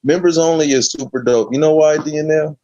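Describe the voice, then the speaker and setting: A man hosts a late-night chat in loose, slangy talk and drags out his words when he hypes the show. His voice sits at a middling pitch. The sound is dry and a little dull. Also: mellow, no echo. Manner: laid-back slangy, drawn-out hype. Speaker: host.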